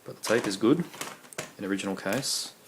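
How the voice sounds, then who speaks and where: This is casual show-and-tell from a man walking through his video collection in a fairly low voice, moving a little fast. He rambles and says um and uh a lot, his voice is giving out, and background noise fills the home recording.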